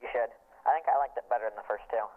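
A man's voice: mid-range voice, very fast. A teenage boy in casual phone chat, heard through a phone on speakerphone and giving short, offhand answers. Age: early teens. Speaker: phone caller. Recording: tinny phone line.

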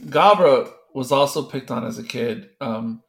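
Man commentator, mid pitch, deadpan delivery. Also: measured pace, vocal fry, a little hiss or hum. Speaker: guest co-host of a film commentary. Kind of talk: casual film commentary chat.

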